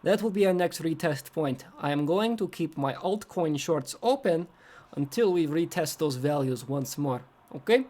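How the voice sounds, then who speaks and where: A man's voice: a little high, animated, moderate pace, a little mellow. Man putting on a clipped style analyst. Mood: lecturing. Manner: clipped, drops articles, frequent "right?". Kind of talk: trading chart analysis.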